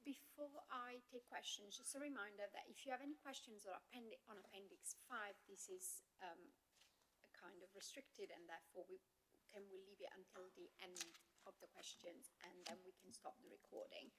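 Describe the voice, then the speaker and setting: A woman's voice: medium pitch, fairly even intonation, moderate pace, noisy background. A woman chairing a council committee meeting, giving procedural, somewhat hesitant instructions.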